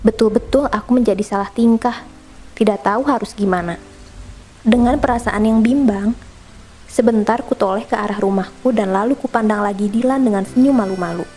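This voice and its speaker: A young woman reading a novel aloud with lively, expressive storytelling. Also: medium pitch, brisk. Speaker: book reader. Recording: soft background music.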